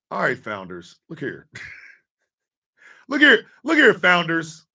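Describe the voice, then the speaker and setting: A man in his fifties hosting a live stream, ranting with profanity and often breaking into shouts. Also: on the high side, wildly swooping pitch, drawn-out words, gravelly, recorded from a distance. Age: 50s. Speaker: host.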